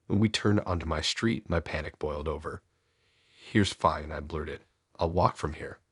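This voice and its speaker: A man reading a scripted first-person horror story in a low, measured storytelling delivery. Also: husky, no echo, studio quality.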